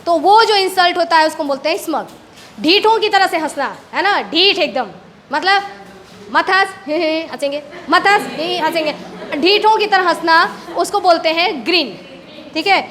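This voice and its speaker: A woman's voice: very high voice, moderate pace. A woman teacher with an Indian accent giving a playful classroom lesson, acting out different kinds of laughter. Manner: lively, playful, acts out laughs.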